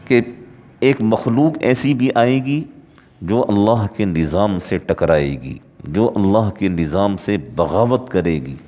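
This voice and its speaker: A man with a Pakistani Urdu accent preaching a religious story, with measured delivery and slow scripture recitation. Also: on the low side, a little mellow. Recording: dull lo-fi recording.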